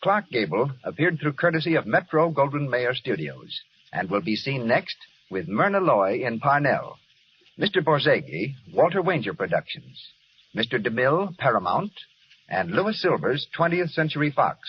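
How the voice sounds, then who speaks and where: A man's voice: mid-range voice, big pitch swings, normal speed. A man announcing on an old radio broadcast in a formal 1930s style, reading credits and sponsor messages. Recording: dull old radio broadcast, faint hiss.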